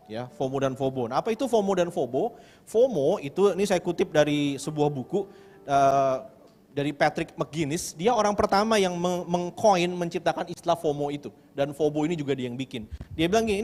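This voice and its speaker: A man preaching a sermon as pastor, lively, acting out the voices of people he quotes and mixing English words into his talk. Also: fairly high pitch. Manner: animated, acts out quoted voices. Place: church hall. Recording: church hall with long reverb.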